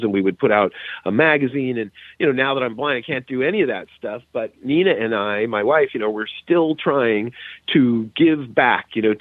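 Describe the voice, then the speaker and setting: A middle-aged man with a medium-pitched voice chats casually as a podcast guest, often checking in with the listener. The dry recording comes through a narrow, phone-like call line.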